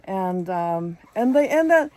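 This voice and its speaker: A woman's voice: medium pitch, very animated, slow, a little mellow. A woman, chatting and rambling as she vlogs outdoors in strawberry fields on a handheld phone. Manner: chatty, rambling, switches into Spanish. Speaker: vlogger. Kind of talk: casual vlog narration.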